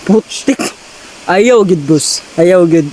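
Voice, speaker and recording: A man's voice: sits high, animated, slow, a little mellow, a little hiss or hum, rough recording. A man performing a comedy skit, teasing his partner and repeating his words for laughs.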